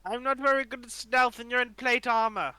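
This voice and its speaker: A man's voice: extremely high pitch, fairly even intonation, brisk, bright, forceful tone, smooth, dry recording. A young man playing a tabletop game, joking and trash-talking in slangy banter. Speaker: player.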